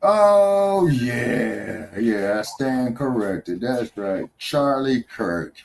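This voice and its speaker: Slow-drawling man hosting a talk show. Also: medium pitch, animated, creaky, a little hiss or hum. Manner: loose, heckling, drawling asides. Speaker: podcast host. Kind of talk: casual talk show chat.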